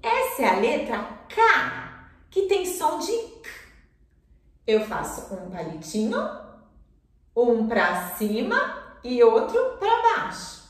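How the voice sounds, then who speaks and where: A woman teaching children the alphabet, with warm encouragement and drawn-out tracing cues. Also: fairly high pitch, wildly swooping pitch. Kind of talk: slow, sing-song children's lesson. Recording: echoey room, voice from a distance.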